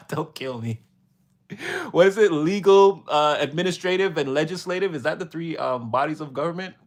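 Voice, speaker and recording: Speaking at a normal pace with a fairly high pitch, this Montreal man runs a relaxed livestream. He answers viewers in chat with slang-filled rambling and plenty of laughter.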